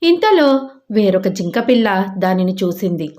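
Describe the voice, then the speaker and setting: A woman narrating a children's moral story in a lively, expressive storybook style. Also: medium pitch, a little slow.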